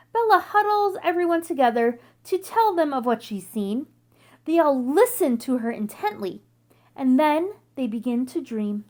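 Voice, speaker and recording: A woman with a high-pitched voice reads a children's picture book aloud, telling the story in an expressive, deliberate way.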